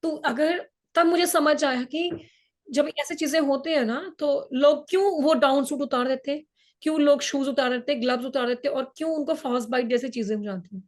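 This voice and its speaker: A woman from India speaks in a high voice while recounting her climb in an interview. She has a sore throat that leaves an edge on her voice. Her telling is earnest, with English words slipping into her speech. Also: a little fast. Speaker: mountaineer guest. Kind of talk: interview, personal storytelling.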